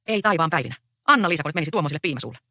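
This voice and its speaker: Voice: mid-range voice, animated, sharp tone, dry recording, studio quality. A reader voicing a sly, mocking peasant man in a stage play read aloud. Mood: taunting. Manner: mocking, taunting. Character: taunting grown peasant man, sly troublemaker.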